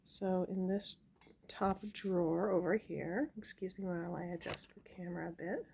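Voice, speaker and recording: A woman's voice: fairly low pitch, moderate pace, creaky, darkish tone, slight background noise. A young woman chatting casually at home, showing an item to her camera with small laughs and plenty of fillers. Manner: chatty, giggly, many fillers. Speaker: homesteading vlogger. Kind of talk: casual show-and-tell. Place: home indoors.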